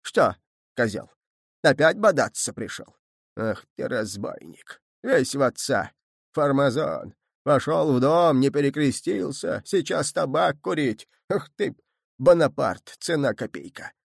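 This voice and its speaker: A man voicing a stern, sarcastic old grandfather who scolds in a shrill, raised voice, in an audiobook reading. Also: expressive, measured pace, gravelly, slightly rough, dry recording, clean studio sound, exaggerated voice. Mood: mocking.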